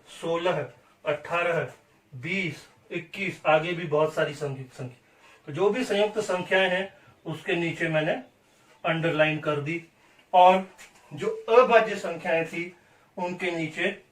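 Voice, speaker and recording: Slow, high-voiced male maths teacher. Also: distant mic. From India. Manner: repeats definitions slowly, asks and answers own questions. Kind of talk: classroom maths lesson. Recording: echoey room, voice off-mic.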